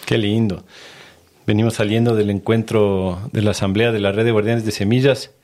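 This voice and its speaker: Low-voiced male podcast host. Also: flat delivery, normal speed, slight background noise. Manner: warm, enthusiastic, informal. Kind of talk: casual podcast interview.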